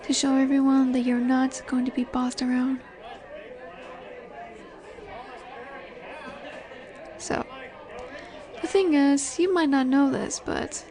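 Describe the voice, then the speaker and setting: In a roleplay audio drama, a woman with a very high, warm voice plays a flirtatious werewolf alpha who is sure of herself and eager to take control. Her delivery is slow, teasing and sultry, with drawn-out pauses and a cocky, challenging, dominant confidence aimed right at the listener. Faint bar chatter can be heard behind her.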